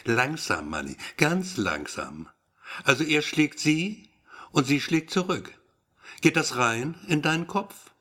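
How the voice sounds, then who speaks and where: A man's voice: on the high side, big pitch swings, slow, pushed and bright, heavily acted. A man reading a sarcastic, impatient woman. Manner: curt, sarcastic. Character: sharp-tongued woman journalist, impatient. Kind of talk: audiobook reading.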